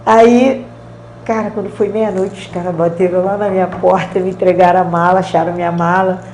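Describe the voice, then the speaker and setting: A woman with a Brazilian Portuguese accent, a karate champion telling stories in a casual interview, acting out the dialogue in slangy, lively speech. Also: on the low side, fairly quick, roomy sound, slight background noise.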